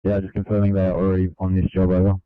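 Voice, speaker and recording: A man, an emergency radio operator giving brisk clipped replies over a two-way radio. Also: deep voice, completely flat delivery, smooth, dry recording. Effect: heard over a two-way radio. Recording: tinny narrow radio line.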